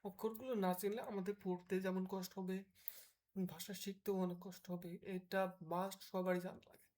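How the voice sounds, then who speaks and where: A woman's voice: mid-range voice, flat delivery, mellow. A woman from Bangladesh who tutors German, giving a patient beginner lesson and drilling the alphabet letter by letter so listeners can repeat after her. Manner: slow, patient, drills letters one at a time.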